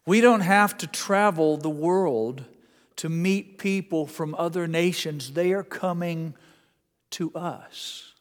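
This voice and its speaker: A pastor with an Indiana accent preaches to his congregation in a church sanctuary, his fairly high voice moving at a slow pace. He's earnest and conversational, with folksy asides, and the church hall adds long reverb.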